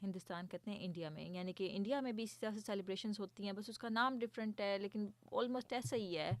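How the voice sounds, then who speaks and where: Woman voicing a patient storybook mom, gentle explaining tone, dry close sound. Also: medium pitch, no echo, natural voice. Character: patient mother explaining to her sons.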